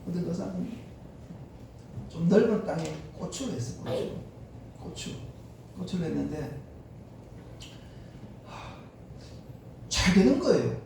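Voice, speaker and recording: Animated pastor preaching. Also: male voice, sits high, measured pace, vocal fry, long pauses. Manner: animated storyteller acting out quoted speech. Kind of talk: sermon. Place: church sanctuary. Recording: echoey church hall, distant mic, faint noise.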